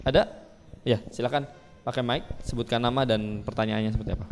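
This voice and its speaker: Man, AM radio host, conversational, rapid pace, reverberant hall. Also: mid-range voice, fairly even intonation. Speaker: AM radio talk show host. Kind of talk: live AM radio hosting, conversational. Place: studio with attendees present. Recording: long reverberant hall sound.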